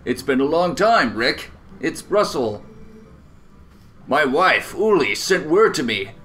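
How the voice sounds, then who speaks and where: A man playing a solemn middle-aged swordsman, earnest and measured. His voice sits lower than the performer's usual pitch. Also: sing-song, fairly bright tone, exaggerated voice.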